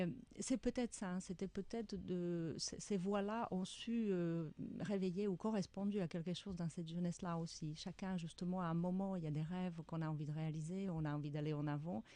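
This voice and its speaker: This radio guest, a middle-aged author with a Czech accent, has a dark tone and a voice on the low side. She answers reflectively, with frequent pauses while she gropes for words.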